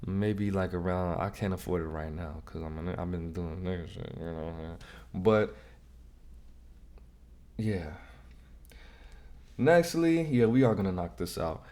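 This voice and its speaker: A man's voice: deep voice, a little slow, pauses often, warm tone. A man hosting a casual reaction vlog, giving direct, slangy advice and often repeating himself. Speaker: vlog host.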